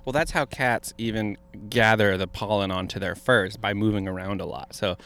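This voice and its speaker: A man's voice: lowish voice, moderate pace, fairly bright tone, clean tone. A man co-hosting a podcast in a joking, casual chat outdoors, laughing often. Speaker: podcast co-host.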